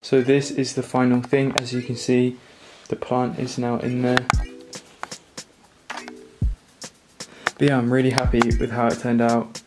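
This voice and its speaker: A young man casually narrating a DIY build in a relaxed, rambling way, recorded on a camera mic in a living room. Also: mid-range voice, slow pace, long pauses, music in the background, poor audio. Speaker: vlogger.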